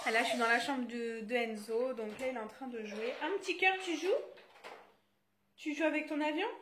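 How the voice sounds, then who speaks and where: A woman's voice: a little high, a little fast, noisy background. A young woman and mother filming a casual home vlog on her phone in her child's bedroom, chatty with many fillers, turning sing-song when she talks with her small children. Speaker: vlogger and mother. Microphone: phone held while filming.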